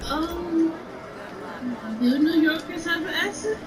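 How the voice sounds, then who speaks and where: A woman from Mississippi with a Southern accent chatting casually, unhurried and quick to laugh. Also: very high voice, crowd noise. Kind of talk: casual chat. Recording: distant from the mic with background noise.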